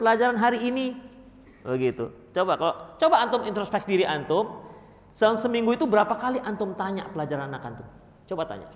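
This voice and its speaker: A man giving a religious study lecture as a preacher, animated and acting out parents and children. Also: sits high. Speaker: Islamic preacher. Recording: long hall reverb.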